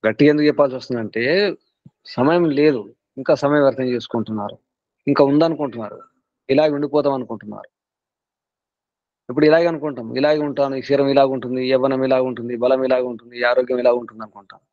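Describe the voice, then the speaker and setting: An earnest Telugu guru leads a spiritual class and drives his points home through repetition. His mid-pitched voice comes through dry and slightly muffled. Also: quick pace, pauses often, no room sound.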